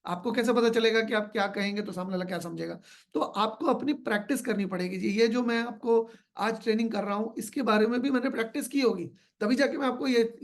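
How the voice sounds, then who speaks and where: A man giving a sales training talk, explaining points by repeating phrases and asking rhetorical questions. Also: high voice. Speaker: business trainer.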